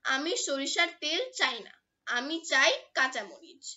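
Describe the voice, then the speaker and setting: A woman's voice: sits high, unhurried, pushed and bright, lo-fi sound, full character voice. A woman voicing a stubborn little child who whines and insists, in a children's storybook reading. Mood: whiny. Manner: whiny, insistent.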